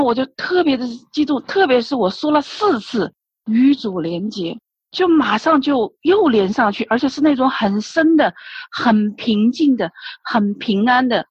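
A church member with a high, husky, darkish voice gives an emotional personal religious testimony. Retelling her prayers, she repeats many words and often restarts. The recording is dry, dull, lo-fi, and echo-free.

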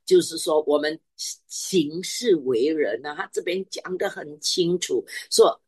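Woman, middle-aged, preacher, sermon, deep voice, unhurried, repeats phrases for emphasis. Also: a little mellow, husky, no room sound.

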